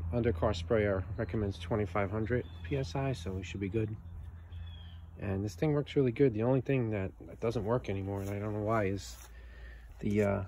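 A man talking in an easygoing, plainspoken way, with the odd "uh" and a mild curse thrown in. He sounds like a casual home video, filmed on a phone out on a driveway. A faint outdoor hum sits under his voice. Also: lowish voice. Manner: relaxed, plainspoken, with fillers and mild swearing. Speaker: channel host reviewing a tool. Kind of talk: casual product review vlog.

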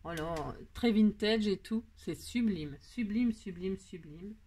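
A woman's voice: mid-range voice, slow pace, dark tone, a little hiss or hum. A woman crafting vlogger chatting casually while she unboxes gifts. She talks in a chatty, exclamatory way, laughs often and keeps adding little tag words.

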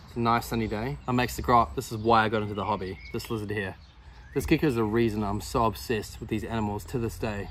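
Deep-voiced, enthusiastic New wildlife host. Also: male voice, slight background noise. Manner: emphatic, repetitive, playful, swearing enthusiast. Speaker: gecko keeper and wildlife vlog host. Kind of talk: enthusiastic wildlife storytelling narration.

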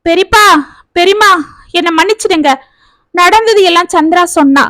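A woman's voice: very high voice, moderate pace, bright, forceful tone, dry recording, studio quality, pitched above the performer's own voice. Woman voicing a humble young brother. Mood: apologetic. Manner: humble, apologetic. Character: young man, apologetic elder brother.

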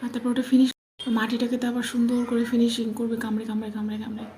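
A woman's voice: on the high side, monotone, fast, warm tone, slight background noise. A woman from India explaining a nature scene to her child in a patient, coaxing way, often dropping to a whisper. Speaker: vlogger watching a wasp build its nest with her child. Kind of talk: casual explaining chat, often hushed.

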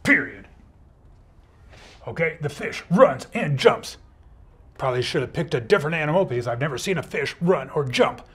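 A man's voice: on the high side, animated, normal speed, long pauses, a bit bright, slightly rough. A man teaching kids grammar in a playful, upbeat superhero persona. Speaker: teacher playing a comma superhero. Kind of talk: educational video for kids.

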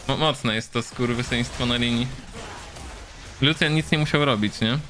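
A man's voice: mid-range voice, normal speed, a bit bright, soft background music. A man from Poland giving casual, chatty commentary as he streams a game, swearing freely and reacting on the fly.

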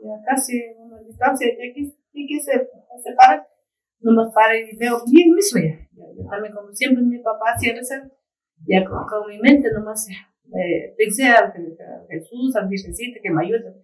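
A woman, a community leader and chef, telling a personal story in an interview in a halting way, repeating words and restarting often. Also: fairly high pitch. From Ecuadorian Amazon. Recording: voice picked up from a distance.

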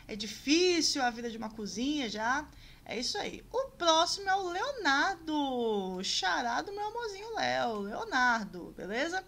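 A woman's voice: high-pitched, fairly bright tone. A woman vlogger chatting casually and gushing about show contestants, with many asides to her viewers. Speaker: vlogger commenting on a TV cooking show. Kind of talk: casual chat.

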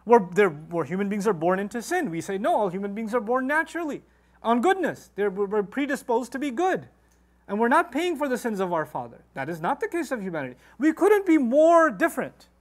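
A middle-aged man giving a Quran commentary lecture, animated and posing rhetorical questions to his listeners. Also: very high-pitched, fairly quick. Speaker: Quran teacher.

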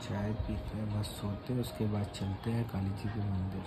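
A man's voice: fairly low pitch, little pitch movement, moderate pace, loud music behind the voice, rough recording. A young man from Prayagraj vlogging his trip on a phone held at arm's length, chatty and calling viewers guys and brother. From Prayagraj, India. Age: young adult. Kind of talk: casual travel vlog. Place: train station, taxi, hotel room, city streets. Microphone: phone selfie at arm's length. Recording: loud crowd and street noise on phone mic.

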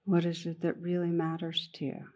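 Low and mellow, a woman's voice guides a meditation at a very slow, gentle pace, with long gaps between phrases. The pitch stays flat and even, much like a teacher leading a calm practice.

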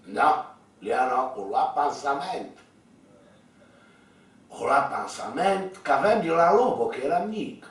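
A man's voice: on the high side, expressive, pauses often, heavy reverb, recorded from a distance. A man telling a personal story in a blunt, colloquial way, talking straight to his listeners. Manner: coarse, blunt, colloquial, addressing listeners directly. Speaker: storyteller vlogger. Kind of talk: rambling spoken storytelling.

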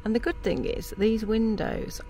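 A woman's voice: fairly high pitch, unhurried, dark tone, faint music behind, rough recording. A woman chatting casually in a camper van during a travel vlog. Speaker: vlogger.

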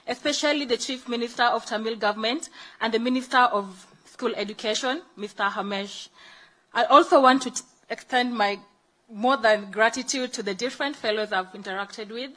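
A woman's voice: on the high side, normal speed, pushed and bright, rough recording. A woman with a Kenyan accent gives a formal thank-you speech as a guest, with emphatic, repeated phrasing. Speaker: guest speaker, book fair fellow.

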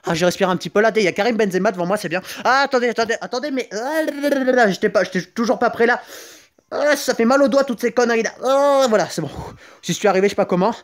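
In a light, high voice, a young Italian-speaking YouTuber jokes his way through mobile gameplay commentary. He wanders from topic to topic, tossing in quick asides and abruptly yelping with excitement.

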